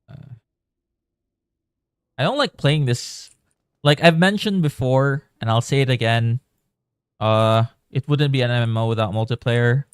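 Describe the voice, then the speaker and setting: A man's voice: medium pitch, unhurried, long pauses, clean tone, no echo, clean studio sound. A man from the Philippines giving casual, rambling commentary while live-streaming a game. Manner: chatty, rambling, thinking aloud.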